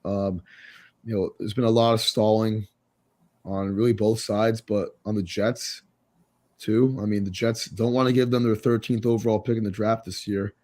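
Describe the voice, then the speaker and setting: A man's voice: on the low side, fairly even intonation, normal speed, warm tone. A man co-hosting a sports podcast, talking loosely with many fillers and jokes. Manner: loose, filler-heavy, joking. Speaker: podcast co-host. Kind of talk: casual sports talk.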